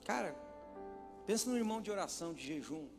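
A pastor preaching a sermon in a church, swinging from hushed asides to loud, dramatic shouts. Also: male voice, high voice, animated, a little fast, creaky. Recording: hall reverb with faint music.

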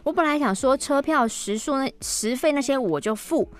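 A woman's voice: high-pitched, lively intonation, moderate pace. A woman co-host with a Taiwanese Mandarin accent reading a listener's letter aloud, acting out the quoted lines with animation. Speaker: podcast co-host.

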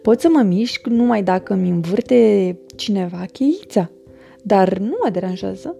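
A woman voicing a male wind-up toy mouse in a storybook, gentle and self-satisfied. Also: mid-range voice, expressive, vocal fry, soft background music. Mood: contented.

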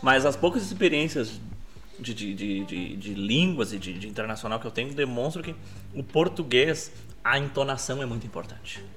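A man's voice: medium pitch, lively intonation, normal speed, a bit bright. A man hosting a podcast, explaining his ideas thoughtfully, with hedges and repeated words. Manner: thoughtful, hedging, many repetitions. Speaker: podcast host. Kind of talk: casual podcast chat.

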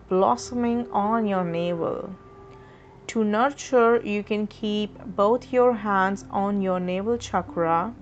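Slow, soothing woman guiding meditation. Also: mid-range voice, a little hiss or hum. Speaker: meditation guide. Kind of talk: guided meditation. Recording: slightly dull audio with faint music.

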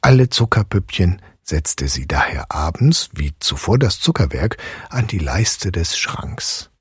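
A man reading a fairy tale aloud in an expressive way, sometimes dropping to a whisper. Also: sits low, unhurried, husky, dry recording, clean studio sound. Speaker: reader. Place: online audio room.

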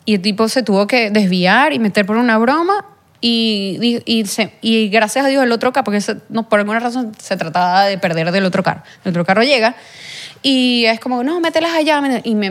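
A young woman with a Venezuelan accent shares a personal story as an interview guest, her medium-pitched voice moving a little fast. She wanders through the tale, filling it with fillers and acting out what people said.

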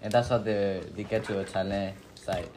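A young man telling a family story in casual talk, halting and repeating himself. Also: on the low side, steady tone, a little mellow, slight background noise. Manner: halting, repeats words, plain speech. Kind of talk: casual classroom discussion.

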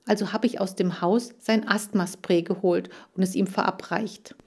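A woman reads a children's audiobook, voicing a distressed, tearful girl who looks after farm animals. The girl is agitated and pleading, her voice raised. The narrator's voice is husky and mid-range, with fairly even intonation at normal speed.

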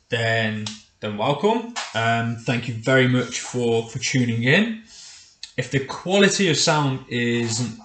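A middle-aged man hosting a casual solo podcast, talking conversationally and putting questions straight to the listener, recorded in a home kitchen. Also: mid-range voice. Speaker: podcast host. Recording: echoey, roomy kitchen sound.

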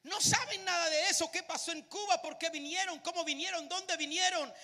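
A man preaching a live sermon, animated and speaking to the crowd with frequent questions. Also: extremely high pitch, brisk, long reverb tail.

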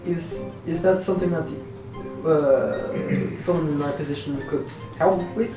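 Brief: inquisitive player, fairly high voice, distant echoey mic, music behind. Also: male voice, a little slow. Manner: inquisitive, hesitant. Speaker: tabletop game player. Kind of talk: casual in-character play.

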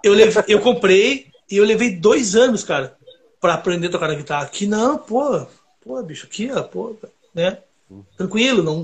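A man from Brazil, a recording engineer and guitarist chatting casually and telling rambling stories full of fillers. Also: sits high. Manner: rambling, animated storytelling with many fillers. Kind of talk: casual podcast chat.

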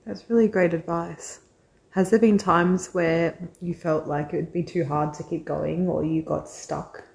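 A woman's voice: on the low side, fairly even intonation, unhurried, vocal fry. A woman hosting a podcast, upbeat and friendly, thanking her guest and closing the episode. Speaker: podcast host. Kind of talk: casual interview chat.

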